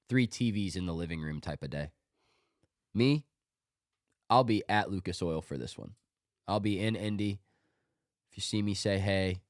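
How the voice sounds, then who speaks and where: Clean, dry studio sound captures a man with a low voice hosting a casual sports podcast. Slightly stuffed up with a cold, he jokes his way loosely through his picks.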